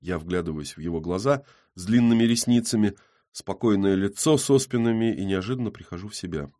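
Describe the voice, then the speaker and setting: A man's voice: lowish voice, a little fast, dark tone. A man reading a first-person audiobook with gritty, tense storytelling. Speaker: audiobook narrator.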